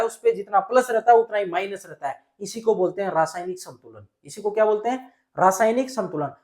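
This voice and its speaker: A man's voice: high-pitched, a little mellow. Male teacher quizzing and answering himself. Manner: explains step by step, asks and answers own questions. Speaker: science teacher. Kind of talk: classroom chemistry lesson.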